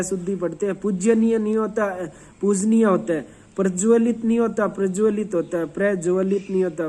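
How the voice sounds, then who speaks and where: A man's voice: high-pitched, a little mellow. A man teaching an exam revision lesson, drilling word lists through repetition, asking and answering his own questions, and spelling out English words letter by letter.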